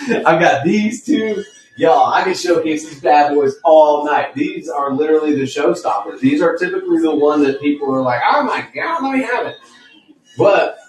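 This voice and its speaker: Inside a room full of plants, a man hosts a casual live sales stream, chatty and playful, laughing often and jumping up high when excited. The room sounds echoey.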